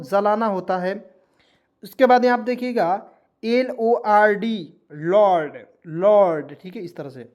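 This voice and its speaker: Patient man teaching a video class. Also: high voice. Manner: repeats words and asks the viewers rhetorical questions; steady, patient classroom explaining. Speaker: English teacher. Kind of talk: online video lesson.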